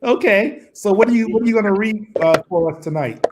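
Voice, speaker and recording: A man's voice: sits high, fairly quick. A man co-hosting a virtual reading event, heard over a crackly, staticky call line, encouraging a child guest. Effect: crackly, staticky phone-like line. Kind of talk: casual online event hosting.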